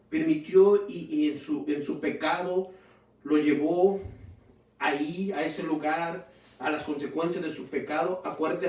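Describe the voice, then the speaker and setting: A man's voice: a little high, darkish tone. A man preaching a fervent sermon in a church, often calling his listeners brothers. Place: church hall. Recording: roomy, distant from the mic.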